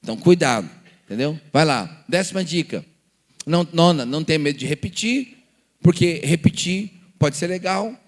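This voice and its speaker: Telling stories and acting out dialogues with rhetorical questions, a Brazilian Portuguese-accented pastor teaches a lively church seminar. His voice runs on the high side with lively intonation and a moderate pace. The room sounds big.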